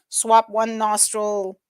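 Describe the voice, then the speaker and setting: A woman's voice: mid-range voice, smooth, dry recording. A woman co-hosting a casual chat show, talking chattily and explaining each step of what she is doing. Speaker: co-host.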